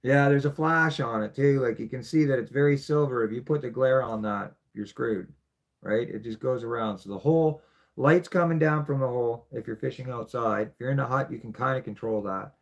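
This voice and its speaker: Chatty guy, middle-aged, gravelly voice, rambles about his fishing gear and keeps asking right?. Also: medium pitch, a little fast. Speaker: fishing channel host. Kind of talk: casual show-and-tell explanation.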